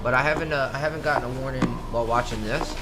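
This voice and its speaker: Young man chatting casually over loud music. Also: mid-range voice, racing, low-quality recording. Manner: slangy, profane. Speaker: livestreamer reacting to TV. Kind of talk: casual reaction chat. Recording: loud show music behind. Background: TV show playing.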